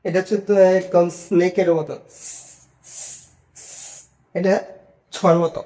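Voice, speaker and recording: In an online lesson, a Chinese pronunciation teacher patiently drills individual sounds one at a time and frequently checks that learners are keeping up. The voice is mid-range, mellow and slow, with fairly even intonation.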